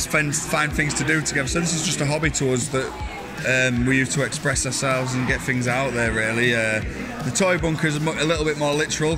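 Flat-voiced man talking over music. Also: medium pitch. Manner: easygoing, joking. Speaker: toy maker. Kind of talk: casual interview. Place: indoor convention hall. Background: background music.

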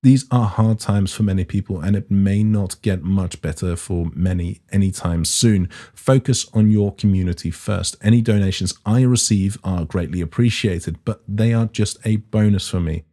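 A man's voice: deep voice, moderate pace, hardly any pauses, warm tone. A man narrating a casual science history explainer in a dry, irreverent way, with the odd swear word. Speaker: science video host.

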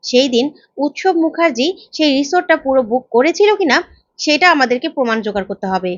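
A woman's voice: high-pitched, expressive, fairly quick, no room sound. A woman voicing a confident, fierce woman investigator who speaks in commanding retorts, on a slightly dull lo-fi recording. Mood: firm.

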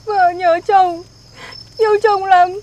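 A woman's voice: very high-pitched, steady tone, slow, a little mellow, slight background noise. A woman playing a clingy young wife who begs her husband not to leave for long. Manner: clingy, whiny. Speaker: footballer's wife.

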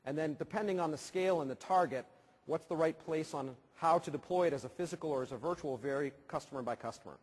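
A man in his thirties giving a brisk, enthusiastic live product demo on a large conference hall stage, speaking into a headset mic. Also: on the high side, darkish tone, slightly rough. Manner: brisk, enthusiastic, gesturing while demoing. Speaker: keynote presenter. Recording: long hall reverb.

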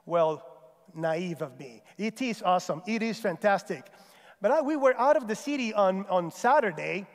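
A middle-aged man from Puerto Rico with a Puerto Rican accent, giving an animated chapel talk with stories and self-deprecating humor. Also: sits high, normal speed. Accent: Puerto Rican Spanish. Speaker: chapel speaker. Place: large stage in an auditorium. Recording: long hall reverb.

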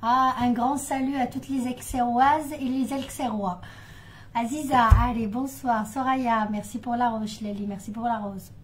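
A woman hosting a live cooking stream, chatting casually and greeting viewers one by one with warm words. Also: fairly high pitch, steady tone, measured pace, slight background noise, low-quality recording.

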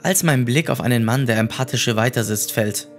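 A man narrating horror stories in a measured, scripted storytelling manner. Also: mid-range voice, soft background music.

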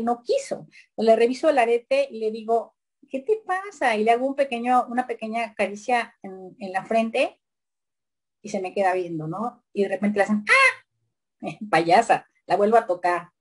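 A woman gives a slide lecture in a relaxed, talkative way. Her voice sits a little high, and she pads her sentences with fillers and tag questions.

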